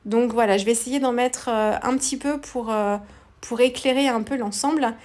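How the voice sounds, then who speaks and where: A woman narrating a craft tutorial in a relaxed, hesitant way, with many fillers. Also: a little high, moderate pace.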